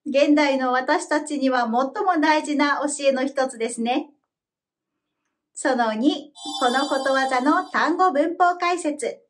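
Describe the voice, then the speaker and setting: A woman narrating a scripted language lesson, explaining clearly and measuredly, then modeling phrases slowly for learners to repeat. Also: high-pitched. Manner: slow, careful model pronunciation for repeating. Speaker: Spanish language teacher.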